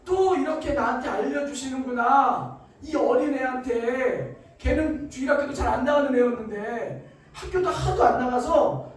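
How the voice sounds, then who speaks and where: A man giving an emotional testimony in church, telling his story dramatically and acting out the voices in it. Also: very high voice. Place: church hall. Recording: echoey room, far from mic.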